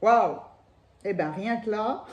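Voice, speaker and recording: On a muffled recording in an echoey room, a woman with a fairly high, animated voice and an s-sound lisp does a chatty tarot reading. She speaks a little slowly, off the cuff, enthusiastic and exclamatory.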